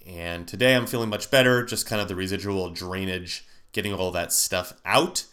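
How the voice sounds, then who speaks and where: Deep-voiced and fairly bright, this male podcast host keeps his intonation fairly even and his pace moderate. His stuffy, nasal tone comes from a sinus cold, and his relaxed solo talk wanders with many fillers and restarts.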